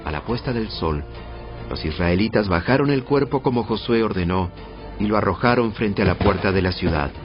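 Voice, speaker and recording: A man narrating a dramatized audio Bible in a measured storytelling delivery. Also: fairly low pitch, expressive. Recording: muffled band-limited audio. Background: prominent background music.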